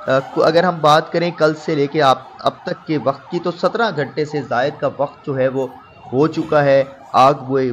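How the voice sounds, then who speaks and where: A man's voice: mid-range voice, muffled recording, slight background noise. A man from Pakistan reading a news report as a voice-over, in formal wording with many hesitations and restarts.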